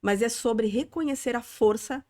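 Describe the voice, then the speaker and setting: A woman's voice: on the high side, moderate pace, darkish tone. Reflective Southern Brazilian woman guest. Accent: Southern Brazilian (gaúcho). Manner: reflective, earnest, frequent "né?" tags. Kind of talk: conversational interview.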